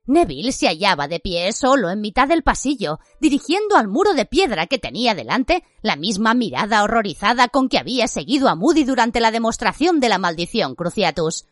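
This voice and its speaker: A woman narrating a story in an expressive, scripted way. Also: a little high, a little fast, few pauses, no room sound, clean studio sound. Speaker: audiobook narrator.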